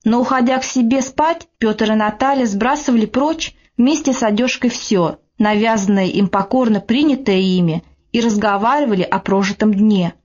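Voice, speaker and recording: A woman narrating classic prose in a measured, even reading. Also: a little high, dull audio. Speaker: audiobook narrator.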